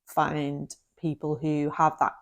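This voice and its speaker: Low-voiced woman chatting casually. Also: monotone, slow. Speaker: podcast co-host, cat-sitting business owner. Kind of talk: casual conversational chat.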